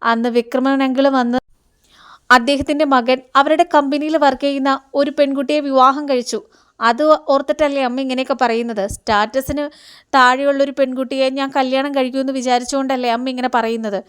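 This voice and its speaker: A woman's voice: sits high, steady tone, brisk, smooth, close to an everyday voice. A woman voicing an earnest young male boss in a retold TV serial scene, pleading and indignant.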